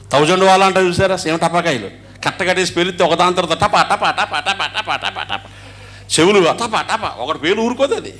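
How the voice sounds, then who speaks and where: A male pastor with a Telugu accent, preaching a Sunday sermon in call-and-response style, swinging from loud to hushed. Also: sits high. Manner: call-and-response preaching, asks the congregation to answer; sings hymn lines slowly mid-sermon.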